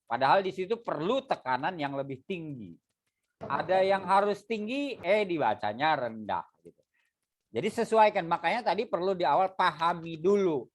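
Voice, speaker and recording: Lively male teacher coaching poetry reading. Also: high voice, normal speed. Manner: animated, demonstrates vowel sounds and drills students; casual, explanatory, uses fillers like "gitu ya".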